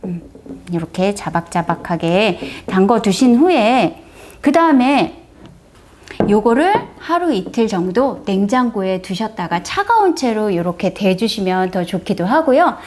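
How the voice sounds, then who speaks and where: A woman's voice: mid-range voice, big pitch swings, measured pace, darkish tone, slight background noise. A middle-aged woman chatting through a step-by-step home demonstration, friendly and explanatory, presenting for a brace clinic. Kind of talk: casual how-to demonstration.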